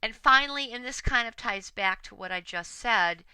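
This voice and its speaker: A woman teaches writing in a relaxed, conversational lecture, pausing on fillers and correcting herself as she goes. Her voice is very bright and smooth. It is recorded close up, with no room echo. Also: fairly high pitch.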